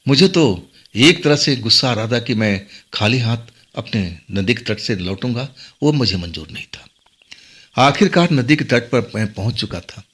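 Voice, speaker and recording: Husky guy telling a scary story, voice going way up and down. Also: medium pitch, a bit bright. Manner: dramatic, rises and falls with suspense. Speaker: horror story narrator. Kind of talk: first-person horror storytelling.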